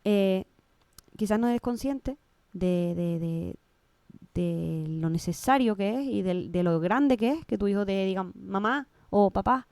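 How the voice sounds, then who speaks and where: A woman's voice: mid-range voice, unhurried, vocal fry, darkish tone, dry recording. A woman with a Canary Islands Spanish accent, a guest in an interview, speaking emotionally and often restarting and repeating her words. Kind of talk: casual interview conversation.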